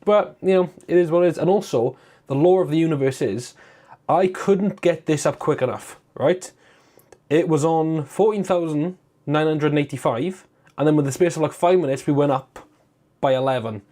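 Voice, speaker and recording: British man livestreaming, slightly high voice, rough state. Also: normal speed, dark tone. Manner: rambling, informal, sweary. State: tired and rough-sounding, with a swollen, bruised lip. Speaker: livestream host. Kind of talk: casual livestream chat to viewers.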